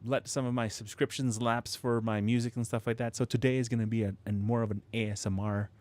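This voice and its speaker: A little fast and level in tone, this man's mid-range voice has a darkish color. He runs a home livestream building model kits, rambling to viewers with lots of restarts, fillers and chuckles. He's close to a studio microphone, which produces proximity effect.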